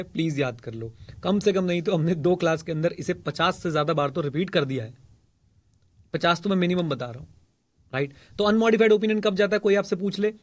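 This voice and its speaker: A man with an Indian English accent teaching an exam revision lecture, firing questions at students and slowing down to dictate definitions. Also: high voice. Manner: quizzes the class, slows sharply to dictate definitions.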